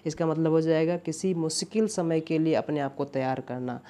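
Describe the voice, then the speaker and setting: A man's voice: a little high, steady tone, moderate pace, warm tone. A male English teacher from India explaining exam vocabulary in Hindi with English terms mixed in, often checking "है ना". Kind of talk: exam-prep vocabulary lesson.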